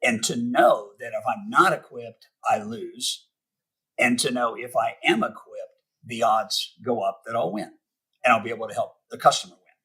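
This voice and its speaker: A middle-aged man giving motivational sales advice as a podcast guest, speaking emphatically and slowing down to stress his key points. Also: medium pitch, animated, sharp tone, husky, low-quality recording. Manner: emphatic, spells out acronyms slowly, acts out sample calls. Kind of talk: podcast interview, motivational teaching.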